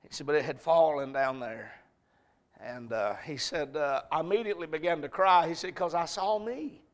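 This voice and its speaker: A man preaching a sermon, telling a story with sudden loud shouted peaks. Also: a little high, normal speed. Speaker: pastor.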